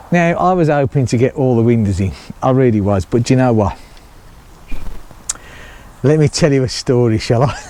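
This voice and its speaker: A man's voice: medium pitch, mellow, a little hiss or hum. A middle-aged man chatting casually to camera outdoors, rambling and laughing often as he explains his building work. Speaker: vlogger building a chalet.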